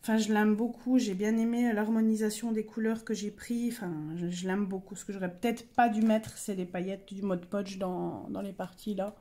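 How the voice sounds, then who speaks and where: A woman's voice: medium pitch, fairly even intonation, moderate pace, few pauses, warm tone. A young woman casually showing her coloring pages, chatty and hesitant, with many fillers and self-corrections. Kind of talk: casual show-and-tell.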